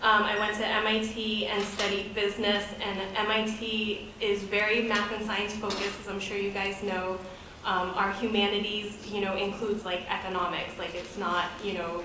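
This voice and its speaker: A Boston-raised American woman in her thirties gives a candid, conversational personal talk as a guest presenter at a podium in an event hall. Her voice is mid-range, captured by a distant mic in a very echoey hall with a noisy background.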